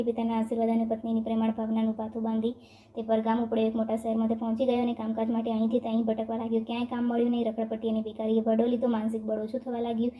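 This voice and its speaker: Fast, flat-voiced Gujarati woman storyteller. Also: on the high side, highs cut off. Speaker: narrator. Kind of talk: devotional story reading.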